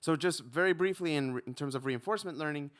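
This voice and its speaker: A man from Ecuador, likely in his thirties, giving a relaxed conference talk with frequent ums and a self-deprecating touch. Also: fairly high pitch, quick pace. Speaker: conference speaker, researcher.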